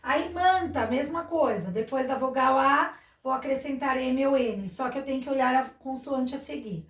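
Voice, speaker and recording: A Brazilian woman teaches a schoolbook lesson in a high-pitched voice, patiently walking her pupils through each exercise. Her voice carries a noticeable room echo. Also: normal speed. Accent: Brazilian Portuguese. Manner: patient, explains step by step, addresses pupils as a little class.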